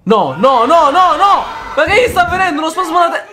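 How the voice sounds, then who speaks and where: A man hosting a reaction video, excitable and jokey, often bursting into shouted reactions. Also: very high-pitched, fairly quick, music in the background, crowd noise. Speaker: YouTuber host.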